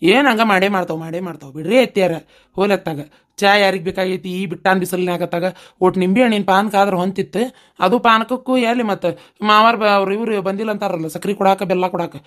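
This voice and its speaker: A woman voicing a sharp-tongued young daughter-in-law with a North Karnataka accent, talking back quickly. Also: mid-range voice, voice pushed down, lightly acted. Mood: retorting. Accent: North Karnataka Kannada.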